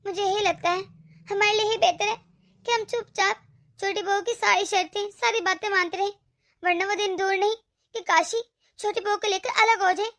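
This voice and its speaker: A woman's voice: extremely high pitch, steady tone, moderate pace, fairly bright tone. A woman voicing a bossy, scheming older mother-in-law in a cartoon, with a nagging, scolding manner. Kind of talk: cartoon voice acting.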